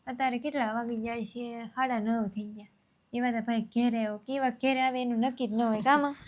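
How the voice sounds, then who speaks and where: A woman's voice: a little high, fairly even intonation, fairly quick. A young woman, telling her family's story in a rambling, homely way. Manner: rambling, homely, repeats herself. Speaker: vlogger. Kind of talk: casual storytelling.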